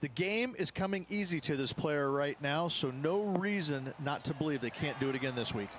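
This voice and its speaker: A man's voice: a little high, lively intonation, moderate pace, a bit bright. A man playing a golf commentator, giving conversational expert analysis in a video game broadcast. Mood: assured. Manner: conversational, explanatory. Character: knowledgeable male golf booth analyst. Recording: faint background noise.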